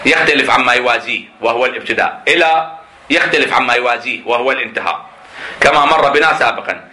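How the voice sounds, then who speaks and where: A man's voice: medium pitch, pushed and bright, low-quality recording. A man lecturing a class, reading a text aloud and explaining it by asking and answering his own questions. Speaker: teacher of jurisprudence.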